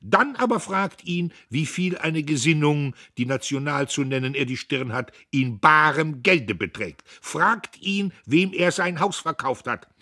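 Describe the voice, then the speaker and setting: A man's voice: a little high, expressive, measured pace, few pauses, pushed and bright, voice pushed up, heavily acted. A man playing a fiery old orator. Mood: impassioned. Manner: impassioned, declaiming to a hall. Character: fiery old male orator denouncing his foe.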